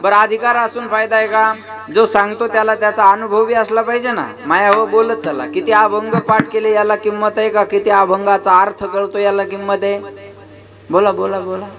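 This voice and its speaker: A man's voice: high-pitched, little pitch movement, moderate pace, fairly bright tone, soft background music. A man giving a devotional kirtan sermon in a folksy, humorous storytelling way, often calling on the crowd to answer back. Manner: rhetorical, keeps asking the crowd to answer back. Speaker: kirtan preacher. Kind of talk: devotional sermon to a live gathering.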